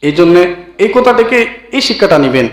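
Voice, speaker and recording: Sylheti guy preaching a waz, high voice, keeps jumping up into big calls then dropping low, lots of echo. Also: sing-song, normal speed. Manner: swings between high impassioned calls and low chanted refrains. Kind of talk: Bengali waz sermon with chanted storytelling.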